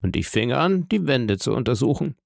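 A man's voice: mid-range voice, sing-song, moderate pace, gravelly, no room sound, studio quality. A man voicing a humble, eager old prison guide in an audiobook, speaking in a deferential, wondering way. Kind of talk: audiobook character reading.

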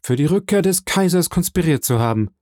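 A man's voice: a little high, expressive, fairly quick, a little mellow, no echo, clean studio sound, voice pushed up, close to an everyday voice. A man voicing a desperate young male prisoner who speaks in a pleading, fervent way. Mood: eager.

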